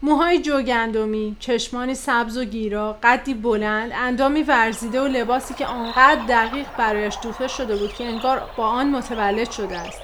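A woman narrating a comedy audio drama in a lively, expressive storytelling manner. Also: fairly high pitch, hardly any pauses, music in the background. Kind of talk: scripted comic narration.

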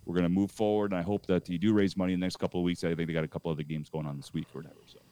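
A man's voice: deep voice, little pitch movement, racing, warm tone, clean tone, no echo. A middle-aged man hosting a podcast, telling a rambling anecdote in a casual way with many restarts. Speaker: podcast host.

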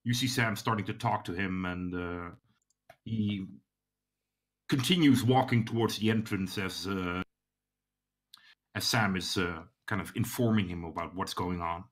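Low-voiced game master, halting narration. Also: male voice. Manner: halting, many fillers and restarts.

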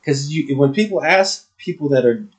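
A man's voice: a little high, lively intonation, normal speed. A man co-hosting a casual spiritual podcast chat, laid-back and profane, often laughing. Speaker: podcast co-host.

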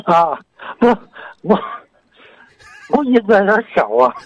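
A man's voice: sits high, very animated, unhurried, no room sound. A man with a Sichuan accent calling in on a muffled phone line, amused and agreeable. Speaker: phone-in listener.

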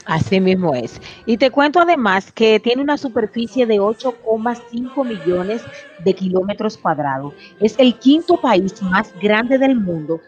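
A woman's voice: medium pitch, animated, unhurried, a little mellow, soft background music. A woman co-hosting a show, presenting facts about countries and laughing easily at her partner's jokes. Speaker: radio co-host. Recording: dry, dull lo-fi sound.

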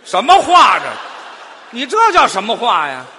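A man playing the straight man in crosstalk comedy, firing back quick, indignant retorts and dry interjections. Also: very high-pitched, huge pitch swings, sharp tone, a little hiss or hum. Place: theater stage.

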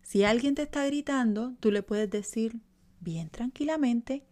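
A woman speaking in a calm, measured way, giving self-help advice straight to the listener and often checking in with a "right?". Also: on the high side. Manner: calm, measured, addresses listener directly with frequent "¿verdad?". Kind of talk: motivational talk to camera.

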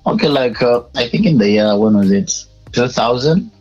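A man's voice: mid-range voice, animated, moderate pace, darkish tone, dull audio, faint music behind. A young Ugandan man with a Ugandan English accent, a media personality and public speaker, answering interview questions in a hesitant way with many filler sounds. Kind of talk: casual interview.

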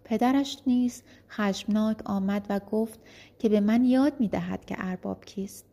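A woman's voice: mid-range voice, creaky, dark tone. A woman voicing a bitter, defiant young enslaved man who protests angrily.

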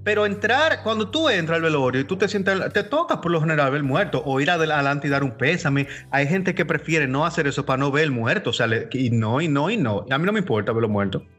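A man co-hosting a casual chat, telling lively anecdotes. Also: a little high, fast, hardly any pauses, breathy edge. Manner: chatty storyteller, lively anecdotes. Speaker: co-host.

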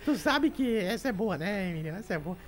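A woman playing a sharp-tongued old lady, telling jokes and teasing her co-hosts on a radio comedy show. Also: mid-range voice, lively intonation, fairly quick, close to an everyday voice. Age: older. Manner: teasing, bossy storytelling. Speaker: comic radio show regular.

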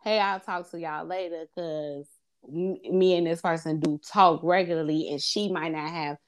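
A woman's voice: low-pitched, moderate pace. A woman in casual conversation, talking reflectively and acting out her own past words. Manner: reflective, animated when quoting herself, laughs often.

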